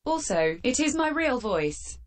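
A woman hosting a fan Q&A with sarcastic, deadpan answers, her voice run through a metallic filter. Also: high voice, unhurried. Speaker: channel host answering fan questions. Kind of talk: scripted comedic Q&A.

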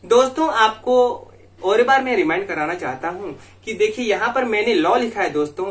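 Slow, lilting language teacher, man. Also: sits high, fairly bright tone. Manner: repeats each phrase slowly several times for practice; addresses viewers as friends, patient explaining. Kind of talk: online language lesson.

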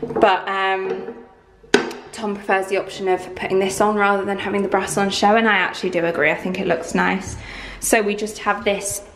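A woman in her twenties giving a chatty, excitable house-tour vlog of her renovated bathroom, filmed on a handheld camera. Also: mid-range voice, slight background noise. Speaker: vlogger. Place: empty bathroom under renovation, indoors. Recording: echoey bare room.

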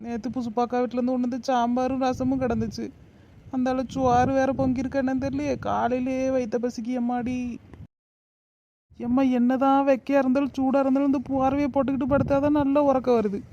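A woman's voice: sits high, flat delivery, quick pace, mellow, dull audio, a little hiss or hum, lightly acted. A woman voicing a cheeky, lazy young wife, always hungry and talking back. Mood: muttering. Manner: cheeky, talks to herself, sweetly impudent. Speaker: lead character. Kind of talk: cartoon comedy voice acting.

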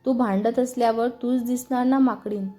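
The mocking, name-calling young rival from a storybook, as a woman narrator reads him. The voice is mellow and a touch raised, and it keeps taunting with a smug, quarrelsome edge. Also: fairly high pitch, steady tone, moderate pace, soft background music, natural voice.

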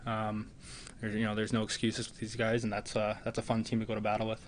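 Earnest young man, flat steady voice. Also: lowish voice, fast, slight background noise. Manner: earnest, many "you know" fillers. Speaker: hockey player. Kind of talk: postgame press conference answers. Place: arena press room. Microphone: table mic in front.

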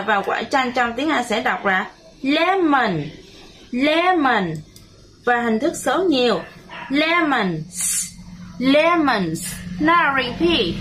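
A woman with a Vietnamese accent, a primary school English teacher, leading a bilingual children's lesson with slow, clear repeat-after-me drills. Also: sits high, background noise.

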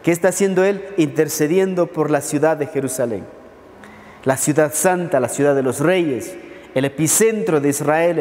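A pastor with an Ecuadorian Spanish accent preaching a sermon, reading scripture and asking rhetorical questions. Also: male voice, fairly high pitch, a little mellow, in a large hall. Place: church.

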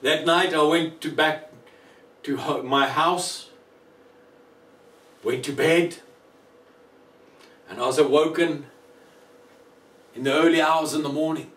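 Male preacher, emotional testimony, long pauses, roomy echo. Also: a little high, fairly even intonation, fairly bright tone, far from the mic. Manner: slow, emotional, dramatic pauses. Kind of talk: testimony sermon.

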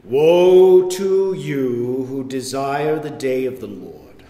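A man leading a church service, reading prayers and scripture in a slow, measured, intoned way, heard with a long cathedral echo. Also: mid-range voice, warm tone. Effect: cathedral echo with long reverb. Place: large church. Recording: echoey large church hall.

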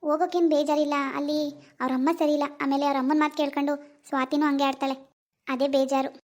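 A performer voicing a caring, cautious middle-aged mother-in-law in an animated family drama. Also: high-pitched, fast talker, close to an everyday voice. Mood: concerned. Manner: firm but caring, worrying.

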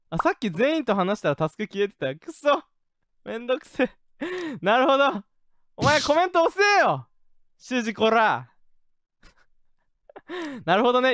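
A man streaming a game, commenting excitedly, jumping from low mutters to rough joking shouts at the characters. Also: dry recording, studio quality. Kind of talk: gaming live-stream commentary.

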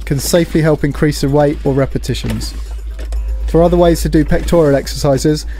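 With music in the background, a middle-aged presenter walks viewers through gym exercises in a plain, explanatory style. His voice is fairly high in pitch yet dark in tone, and he speaks fairly quickly.

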